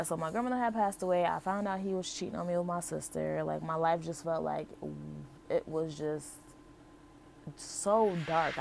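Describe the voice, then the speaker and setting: A young American woman from Buffalo, New York, and Las Vegas vlogs her life story to viewers, candid and conversational with emphatic repetition. Her voice is low, gravelly and darkish, with slight background noise.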